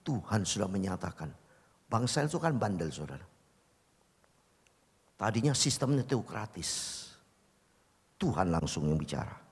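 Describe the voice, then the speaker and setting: Older gravelly pastor preaching in reverberant hall. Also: male voice, very animated, measured pace, long pauses. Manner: emphatic, swinging from loud exclamations to low murmurs. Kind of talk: sermon. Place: church service hall. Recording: long church-hall reverb.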